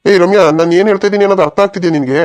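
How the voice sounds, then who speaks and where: A man voicing a village neighbor and a husband in a cartoon comedy, reasoning in a plain, hurried way. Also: high-pitched, a little mellow.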